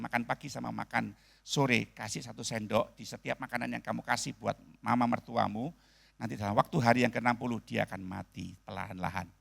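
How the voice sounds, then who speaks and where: A man voicing a shrewd older male medicine-shop keeper who gives slow, knowing advice. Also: on the high side, gravelly, fairly bright tone, voice pushed down, exaggerated voice.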